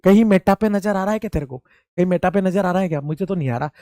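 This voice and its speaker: High-voiced, chatty chemistry teacher man. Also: quick pace, dark tone, no room sound, clean studio sound. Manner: chatty and teasing, talks to students as friends; repeats key points, asks and answers his own questions. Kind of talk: informal classroom lecture.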